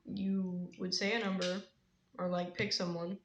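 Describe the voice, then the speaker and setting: A teenage girl chats with a friend in a casual, talkative way and drops teasing, deadpan remarks. The room is echoey, with a faint hiss of noise underneath. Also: on the low side, a little slow. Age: teens. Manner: chatty, teasing, deadpan asides. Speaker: podcast co-host. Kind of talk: casual chat.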